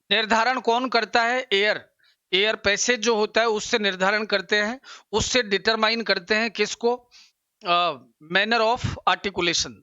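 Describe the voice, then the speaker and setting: Slow, bright-voiced male teacher. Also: high-pitched, clean tone, no room sound, dull audio. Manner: slow, explanatory, repeats pronunciations, addresses students directly. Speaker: English teacher. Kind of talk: exam prep lesson.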